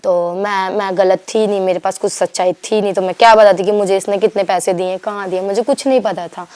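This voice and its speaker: A young woman from Delhi, telling her story to an interviewer in a rambling, animated way, acting out what others said and restarting her sentences. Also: mid-range voice, a little fast, clean tone. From Delhi, India. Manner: rambling, animated retelling with quoted dialogue and restarts. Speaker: guest.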